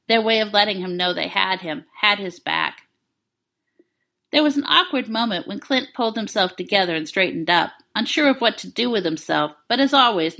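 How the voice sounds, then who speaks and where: A woman narrating fan fiction aloud in a calm, even storytelling manner. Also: medium pitch.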